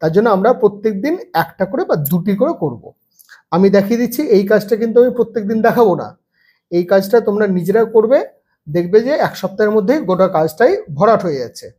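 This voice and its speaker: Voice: mid-range voice, lively intonation, fast, warm tone, slightly rough. A teacher patiently explaining a first-grade alphabet lesson, sounding out letters one by one.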